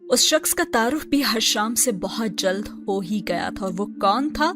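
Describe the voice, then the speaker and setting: A woman host reads a novel aloud and then chats about it in a relaxed, conversational way. Steady music plays beneath her voice throughout. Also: medium pitch. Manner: relaxed, chatty commentary. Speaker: storyteller and channel host. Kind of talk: novel reading and review. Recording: narration over background music. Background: background music.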